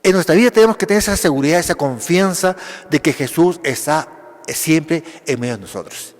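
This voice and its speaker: A man's voice: on the high side, expressive. A man, a Capuchin priest, preaching a Sunday homily, asking rhetorical questions and answering them himself in short phrases. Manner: speaks in short phrases with pauses. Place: church. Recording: long church reverb.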